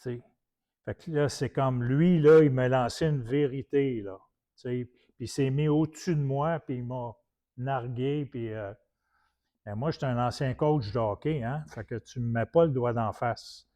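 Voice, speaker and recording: A man from Quebec with a Québécois French accent preaches in a colloquial way, giving an anecdotal teaching talk full of restarts. His mid-range voice has a warm tone and a measured pace.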